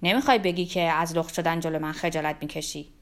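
Woman narrator doing a kindly older man, low and soft, tender and reassuring; storybook reading. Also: fairly even intonation, lightly acted. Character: gentle older man, fond and protective.

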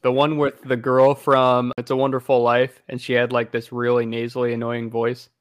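A man's voice: medium pitch, completely flat delivery, normal speed, clean tone, dry recording, clean studio sound. A man hosting a podcast in casual chat, playful, laughing a lot and slipping into mock announcer bits. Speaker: podcast host.

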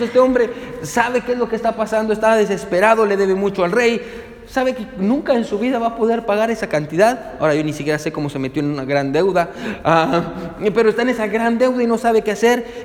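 A man's voice: high-pitched, in a large hall. A man preaching a sermon as pastor, asking his listeners questions and calling them to turn with him to the verses. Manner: asks the congregation rhetorical questions.

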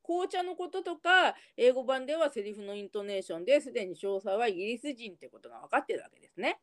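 A woman's voice: on the high side, sing-song, fast. A woman co-hosting a casual chat, retelling the scenes of a TV episode and laughing often. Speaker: co-host recapping a TV episode.

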